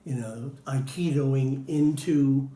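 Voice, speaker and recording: A man's voice: mid-range voice, slow pace, warm tone. A man answering interview questions in a casual, hesitant way, with many fillers. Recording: roomy with faint noise.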